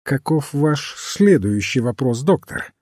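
Mild little priest sleuth as a man puts him on, calm, gently cryptic, lively lilt, husky. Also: medium pitch, slow pace, dry recording, studio quality, pitched above the performer's own voice.

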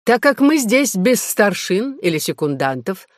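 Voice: very animated, a little slow, no echo. A preening, pompous knight who dresses every sentence in florid courtesy, put on by an audiobook reader. The voice is lifted well above the reader's own and swoops with showy emphasis. The sound is dry and close. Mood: courtly. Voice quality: mannered, high-flown, pompous phrasing. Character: affected, pompous English knight, grown man, fussy and florid. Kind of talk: audiobook reading.

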